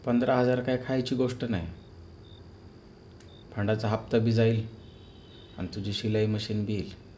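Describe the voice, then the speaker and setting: An actor playing a blunt husband worried about unpaid installments. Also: male voice, on the low side, flat delivery, moderate pace, pauses often, warm tone, a little hiss or hum, close to an everyday voice. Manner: curt, dismissive. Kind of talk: film drama.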